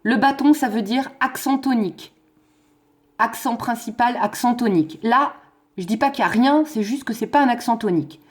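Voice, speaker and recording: Woman teacher explaining English verse. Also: a little high. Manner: explains slowly, switching between French and English; counts stresses and beats aloud. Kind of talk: recorded online lesson.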